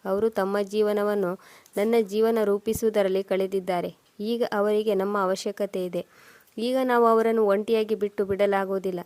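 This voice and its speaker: Calm, patient storybook husband, read by a woman; level, dry tone. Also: mid-range voice, normal speed, no room sound, natural voice. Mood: reasoning. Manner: calm reasoning delivery. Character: patient dutiful husband Samanth.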